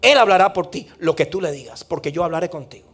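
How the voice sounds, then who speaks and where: A man voicing the Lord as a calm, firm presence who reassures a fearful servant. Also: fairly high pitch, fast talker, breathy edge, pitched below the performer's own voice. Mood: reassuring.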